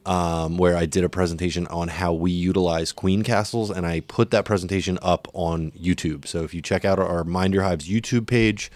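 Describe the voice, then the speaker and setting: Low-voiced laid-back man podcasting outdoors in open air. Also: steady tone, normal speed, few pauses, darkish tone, no room sound. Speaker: podcast host. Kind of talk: casual podcast chat. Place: outdoors in an open natural area at night.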